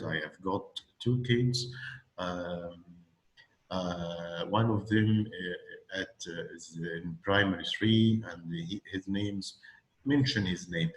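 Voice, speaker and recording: A low-voiced man with an Egyptian accent coaches a student on an English speaking test. He talks haltingly, with many fillers and restarts, and his voice rings in an echoey room. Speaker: English teacher. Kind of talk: one-on-one speaking lesson.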